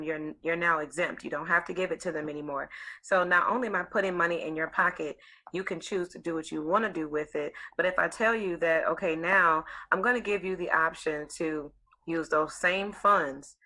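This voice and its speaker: A woman hosting a casual conversation, explaining her ideas in an earnest, steady way. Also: fairly low pitch, rough recording. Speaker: host.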